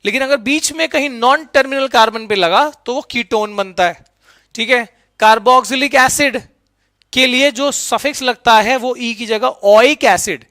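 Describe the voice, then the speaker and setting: Middle-aged guy teaching chem, high bright voice, keeps asking "right?", dry close sound. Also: a little slow, no echo. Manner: mixes English terms into Hindi. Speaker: chemistry teacher. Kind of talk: explanatory classroom lecture.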